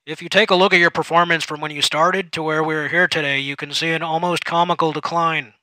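A man voicing an overly chummy, pushy male office supervisor who talks loudly and patronizingly. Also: on the high side, steady tone, a little fast, dry recording. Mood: overbearing. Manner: loud, overexcited, patronizing.

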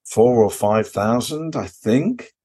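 A podcast co-host with a medium-pitched, expressive voice of dark tone talks slowly through an off-the-record story about visiting a convention. He hesitates and rambles, leaning heavily on fillers like "you know" and "kind of."

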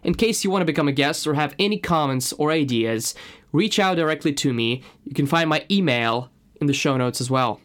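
A man's voice: on the high side, a little fast, a bit bright. A man from Russia with a Russian accent and native Russian, speaking as a podcast host in an earnest, personal scripted monologue.

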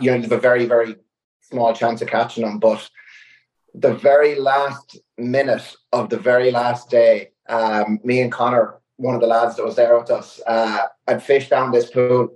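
A young man tells a long story in relaxed conversation, peppering it with "like". His pitch stays quite flat and even, and the room around him sounds echoey. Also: moderate pace. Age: young adult. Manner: animated anecdote-telling with many "like" fillers. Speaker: guest angler. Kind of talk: casual storytelling.

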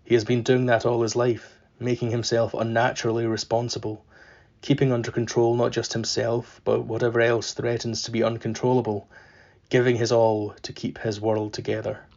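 A man reads literary fiction aloud in a level, flat voice that barely rises or falls. He takes his time, pausing deliberately between phrases. The sound is slightly dull and lo-fi, like a simple home podcast setup. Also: mid-range voice, gravelly. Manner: measured, unhurried reading with deliberate pauses. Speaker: podcast host reading a novel aloud. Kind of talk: literary reading with spoken afterword.

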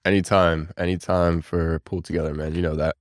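A young man from Bulgaria, whose first language is Bulgarian, chats as a podcast guest in a low, deep voice. He rambles easily and leans on fillers. The sound is close and dry. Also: fairly quick, dry recording. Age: 20s. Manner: relaxed, rambling, many fillers. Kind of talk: casual podcast interview.

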